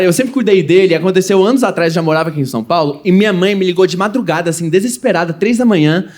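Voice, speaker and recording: A man's voice: high voice, a little mellow, a little hiss or hum. A young man from Goiás, Brazil, performing a stand-up comedy set on stage and acting out quoted lines between laughs. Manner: fast storytelling with acted quotes and audience laughs. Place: comedy stage before a live audience.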